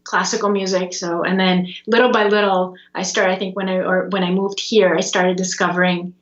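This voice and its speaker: Young woman from Russia, relaxed guest answers, echoey lo-fi video-call audio. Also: on the low side, brisk. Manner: relaxed, with many ums and you-knows. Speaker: guest musician. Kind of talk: casual interview answers. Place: small room at home, indoors. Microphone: video call with earbud headset.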